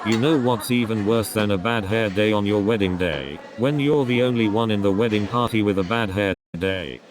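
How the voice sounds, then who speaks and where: A man doing a stand-up comedy routine, delivering deadpan one-liners one after another. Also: on the low side, moderate pace, heavy background noise. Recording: crowd laughter in background. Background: audience laughter.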